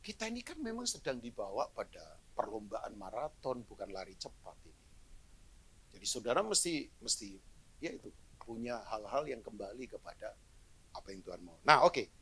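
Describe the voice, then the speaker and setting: A middle-aged man preaching a live sermon as pastor to a church congregation, animated and joking, dropping to low asides then rising to loud exclamations. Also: normal speed, breathy edge. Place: church hall, in front of a congregation.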